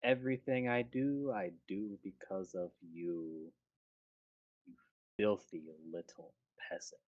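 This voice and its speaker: A woman voicing a contemptuous female villain, taunting slowly like a menacing old hag in a tabletop game. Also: extremely low pitch, fairly even intonation, a little mellow, muffled recording, exaggerated voice. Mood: contemptuous menace. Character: gloating, contemptuous female villain with a witchy horse laugh.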